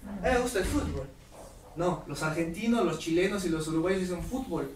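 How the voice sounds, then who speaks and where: A man giving a lively workshop lecture to teachers, putting questions to the audience. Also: high-pitched, a little fast, a crowd in the background. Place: lecture hall. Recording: roomy hall audio from far off, faint noise.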